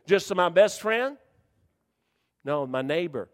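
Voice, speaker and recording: Male pastor, high-pitched, folksy and teasing, loud to hushed, church reverb. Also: lively intonation, slow. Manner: folksy, joking preacher who swings from shouting to hushed. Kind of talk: sermon.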